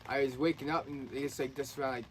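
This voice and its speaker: A man's voice: mid-range voice, steady tone, quick pace. A man talking in a casual, earnest, rambling way, often restarting his sentences. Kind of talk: casual conspiracy chat. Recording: faint background noise.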